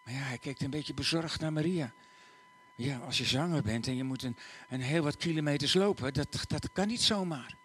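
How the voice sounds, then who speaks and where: A man telling a story to listeners in an animated way, acting out the characters. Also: a little high, normal speed, a little hiss or hum. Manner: animated, acts out the voices.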